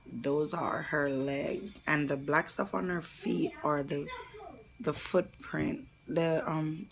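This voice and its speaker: Slow, gravelly-voiced young woman vlogger. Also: deep voice, poor audio. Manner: soft, halting, often slipping into a whisper; tearful and earnest. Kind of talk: personal story vlog.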